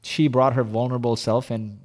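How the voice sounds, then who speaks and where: Male interview guest, founder, candid animated storyteller, mid pitch, long reverberant hall. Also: normal speed. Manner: animated, confessional, heavy use of "like" and "you know".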